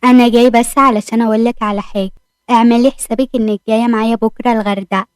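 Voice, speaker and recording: An arrogant young businessman who talks down to his wife, teasing and bossy, as a woman reads him out. He speaks with an Egyptian accent, quick and a little high for a man. The recording is dry and close. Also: steady tone, smooth, no echo, lightly acted. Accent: Egyptian Arabic.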